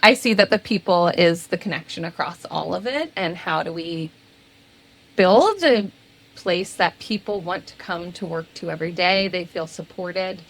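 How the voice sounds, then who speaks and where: A woman in her thirties answering interview questions as a guest, animated and laughing now and then between phrases. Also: on the low side. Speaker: guest, people and culture executive.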